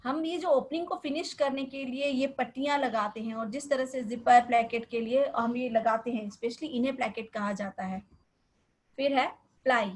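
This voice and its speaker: Teaching a class on garment terms, a woman with a Hindi accent speaks at a fairly high pitch, steady in tone and at normal speed. She explains things step by step and frequently puts questions to her students. The recording is rough.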